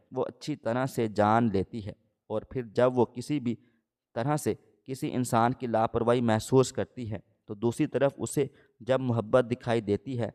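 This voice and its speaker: A man's voice: medium pitch, darkish tone. Man reading a story aloud. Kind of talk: scripted first-person story narration.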